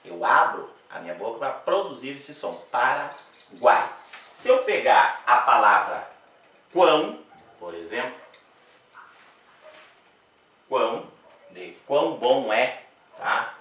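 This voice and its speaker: Echoey, bright-voiced man teaching grammar. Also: mid-range voice, big pitch swings. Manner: slow, deliberate, repeats words and checks with "tá?". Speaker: Portuguese teacher. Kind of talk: exam-prep grammar lesson. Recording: very echoey room, voice from a distance.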